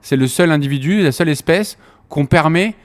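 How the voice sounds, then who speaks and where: A man hosting a casual interview, talking quickly and full of fillers, rewording himself as he goes. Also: a little high. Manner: quick talker who uses fillers and reformulates. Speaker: interviewer, host.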